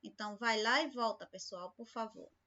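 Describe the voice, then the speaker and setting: A woman's voice: a little high, normal speed, sharp tone, dull audio. A woman teacher giving a recorded remote lesson, patient and speaking to the class with many questions. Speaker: school teacher.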